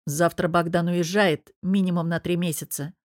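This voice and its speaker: A woman reading the curt, commanding lines of a stern male friend in an audiobook, in a low voice. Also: steady tone, moderate pace, a little mellow, dry recording, studio quality, close to an everyday voice. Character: stern, blunt male friend, middle-aged businessman.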